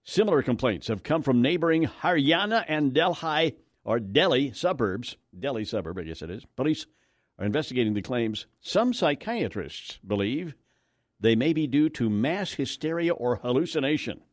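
A man's voice: medium pitch, very animated, moderate pace, no room sound, clean studio sound. An American man hosting morning radio news, reading items and adding wry, conversational asides.

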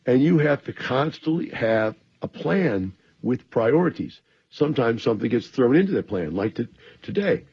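A man's voice: medium pitch, animated, normal speed, gravelly, darkish tone, husky, highs cut off. A man hosting a radio show, sounding a little groggy from antihistamines, explaining things directly to listeners in a rambling advice monologue.

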